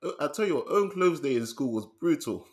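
A British man talks films with a friend in an easy, animated way. He laughs often and trails off into a quieter, lower register when he turns thoughtful. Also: fairly quick. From United Kingdom. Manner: animated, laughs often, drops to a low murmur. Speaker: podcast co-host. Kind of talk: casual film review chat.

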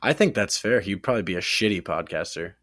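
A man's voice: sits low, lively intonation, fast talker, a bit bright, no room sound, studio quality. A man co-hosting a casual sports podcast, teasing his partner and swearing casually. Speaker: podcast co-host.

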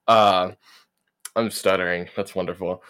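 A man's voice: deep voice, steady tone, measured pace, fairly bright tone, smooth. A young man co-hosting a casual podcast, joking around and stammering, often repeating his words. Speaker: podcast co-host.

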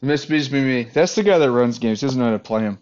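A man's voice: mid-range voice, lively intonation, quick pace, darkish tone. A man who organizes airsoft games, chatting casually on a podcast in a rambling, laid-back way with lots of fillers. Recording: dull lo-fi audio.

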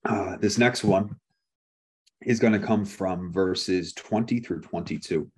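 Deep, husky-voiced man preaching. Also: takes it slowly. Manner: casual and conversational, with frequent "like" and restarts. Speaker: pastor. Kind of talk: sermon with personal storytelling.

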